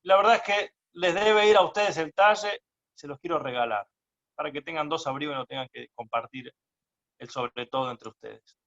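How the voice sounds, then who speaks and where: A man voicing a wise, generous rabbi who gives a measured ruling. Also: on the high side, a bit bright. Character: wise, generous old-time rabbi judging a dispute. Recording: dull lo-fi recording.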